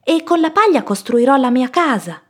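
A woman voicing cheerful young piglets in a children's storybook, high and childlike. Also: animated, moderate pace. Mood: eager.

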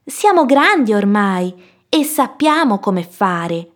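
A woman doing squeaky eager little piglets. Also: very animated, slow. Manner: high, bright childlike voice.

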